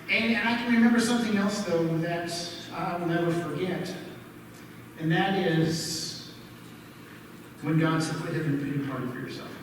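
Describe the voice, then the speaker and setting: A man's voice: high voice, a bit bright. A middle-aged man preaching a sermon as pastor, telling a personal story and asking the congregation questions. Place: church sanctuary. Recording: echoey church hall from far off, faint noise.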